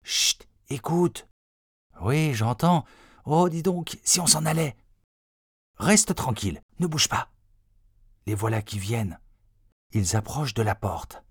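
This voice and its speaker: A man voicing a frightened boy who urgently hushes his friend in a low, tense voice. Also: animated, slow pace, hardly any pauses, dry recording, clean studio sound. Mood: hushed urgent. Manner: hushed, urgent whisper-like warnings.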